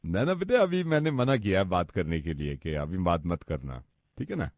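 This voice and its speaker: A male radio host calmly talking someone through a prank call, his tone soothing and persuasive. His pitch moves freely, and the studio sound is dry and close. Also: moderate pace, no echo.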